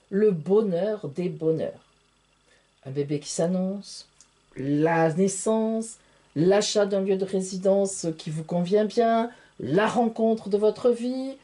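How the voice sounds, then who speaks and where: Theatrical French-speaking tarot woman, slow and lively. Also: medium pitch. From France. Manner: theatrical, exclamatory, addresses viewers as friends. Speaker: tarot reader. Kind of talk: tarot reading monologue to camera.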